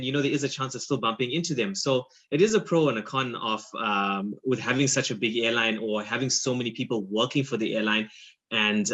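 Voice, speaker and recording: A man, a flight attendant and guest, chatting casually and acting out what he said to others. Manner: animated, acts out quotes with big pitch jumps. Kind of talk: casual chat.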